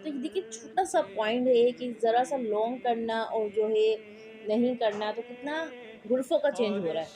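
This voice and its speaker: At normal speed, a woman with a fairly high, mellow voice gives a slow Quran reading lesson built around spelled-out drills. Patient and explanatory, she goes over each point more than once. She regularly checks whether her students understand.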